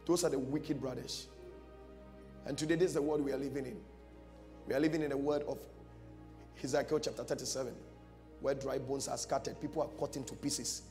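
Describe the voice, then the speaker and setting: With a mid-range, slightly mellow voice, a male pastor preaches an emphatic, dramatic storytelling sermon full of repeated short phrases. He stands on a large church stage before a seated audience, with music behind him and long hall reverb.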